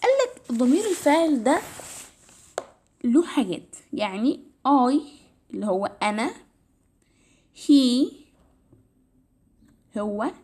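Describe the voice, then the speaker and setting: With big pitch swings, a slow pace and long pauses, a woman speaks in a high, mellow voice. She has an Egyptian Arabic accent and teaches English grammar casually, step by step, repeating "تمام". Her voice is tired and slightly strained.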